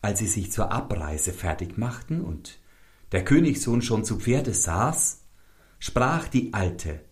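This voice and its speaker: Slow lively guy reading a fairy tale, lowish voice, storyteller. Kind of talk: scripted narration.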